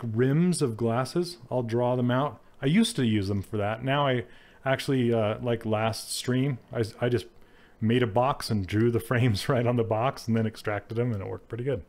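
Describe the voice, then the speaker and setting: A man with a mid-range, darkish voice teaches 3D character sculpting in a casual live-stream tutorial. He's chatty and laughs often as he works and answers the chat.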